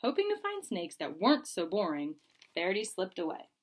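A teacher reading a picture book to children, her voice rising and falling a great deal. She sits at a middle pitch and reads in an expressive storybook manner. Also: normal speed. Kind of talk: storybook read-aloud.

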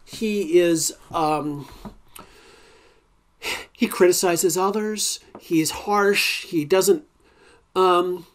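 A man's voice: sits high, drawn-out words, pauses often. A man teaching a recorded college ethics lecture in a conversational way, with many fillers and restarts and wry, informal asides.

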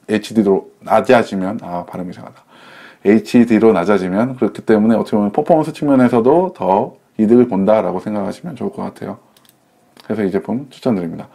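A man's voice: fairly low pitch, dark tone. A man casually reviewing budget laptops, chatty, often correcting himself mid-sentence and explaining with simple analogies. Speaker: tech reviewer.

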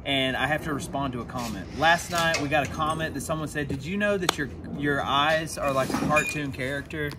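Outdoors at storage units, a male vlogger unboxes his finds and chats casually to the camera, animated and full of jokey asides. His voice is fairly high and fairly quick, with hardly any pauses, and clear background noise is audible.

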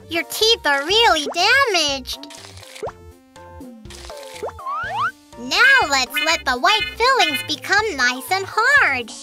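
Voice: very high-pitched, sharp tone, full character voice. A performer voicing a cheerful young baby shark dentist in a preschool cartoon, speaking simply and reassuringly. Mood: reassuring, instructive. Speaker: cartoon doctor character. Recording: music under the voice.

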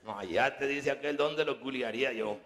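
A man doing raunchy live stand-up, loudly teasing the audience with crude jokes. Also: mid-range voice, moderate pace. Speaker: live comedian.

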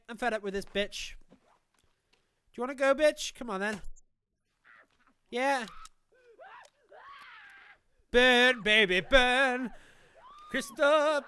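In an extremely high voice, a young Welshman with a Welsh accent provides live commentary while streaming a survival game. He sits in a small room at home with a headset mic, excitable and joking as he addresses the game and his chat.

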